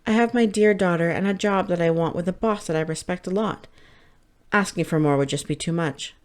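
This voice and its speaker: A woman reading a first-person light novel audiobook in a steady, measured way. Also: fairly low pitch. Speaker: audiobook narrator.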